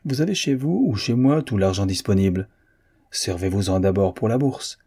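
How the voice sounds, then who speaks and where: A man reading aloud and voicing a calm, cheerful American financier with a smooth, confident salesman's pitch. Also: normal speed.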